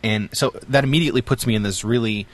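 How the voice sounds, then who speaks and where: A middle-aged man co-hosts a podcast, reminiscing and joking in casual chat with lots of fillers. His voice is mid-range and he talks fast, telling stories as he goes.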